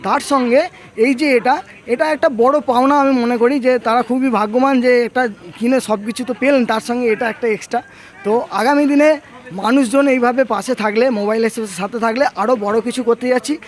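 A man's voice: very high-pitched, fairly even intonation, a little fast. A man with a West Bengal Bengali accent giving a promotional interview as a shop owner, emphatic and repetitive, mixing in English words. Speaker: mobile showroom owner. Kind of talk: promotional interview, recapping a prize draw.

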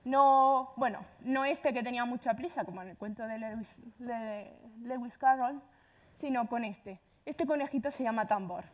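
Andalusian woman doing a tech talk, fast and chatty, kinda high voice. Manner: fast, chatty, self-deprecating. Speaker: speaker at a tech conference. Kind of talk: conference talk.

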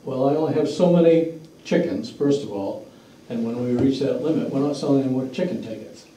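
A fundraiser organizer speaks briskly at a town meeting in a mid-range voice with a dark tone, plain and blunt in manner. Captured by a far room mic in an echoey mid-sized indoor meeting room, the clip carries a little hiss or hum.

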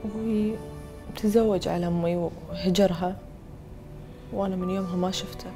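Played by an actress, a sleepless young woman speaks quietly in a flat, worn voice. Music plays clearly behind her. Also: fairly low pitch, normal speed, close to an everyday voice. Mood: weary. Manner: quiet, subdued. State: sleepless, exhausted. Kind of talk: TV drama acting.

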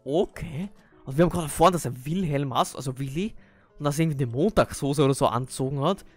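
A man's voice: a little high, quick pace, soft background music. Austrian gamer man, hesitant and jumpy. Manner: hesitant, full of fillers, bursts into panicky yelps. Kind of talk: Minecraft role-play let's play.

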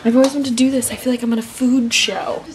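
A woman's voice: fairly high pitch, little pitch movement, fast. A young woman casually vlogging at home on a handheld camera, bubbly and giggly. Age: young adult. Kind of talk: casual vlog chat. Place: home kitchen and bedroom, indoors. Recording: home camera with clear background noise.

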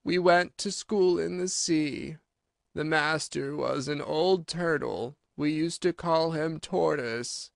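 A man voicing a melancholy old mock turtle in a storybook, sighing and self-pitying, with a slow, drawn-out, mournful delivery. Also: on the high side, a bit bright, clean tone, no room sound, clean studio sound.

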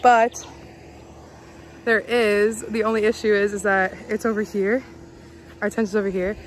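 A woman's voice: medium pitch, level tone, unhurried, slight background noise. A young woman chatting casually to a phone camera held at arm's length at a campsite, giggly and upbeat. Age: young adult. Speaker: vlogger. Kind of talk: casual vlog chat. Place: outdoors at a campsite.

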